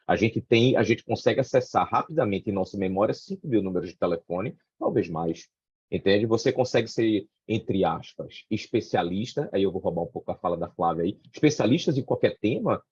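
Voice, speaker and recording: A middle-aged man with a Brazilian Portuguese accent talks casually on a panel, with a mellow, slightly husky timbre. He keeps checking in with his listeners through tag questions and loose fillers. The recording is dry and dull. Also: fairly low pitch, dry recording.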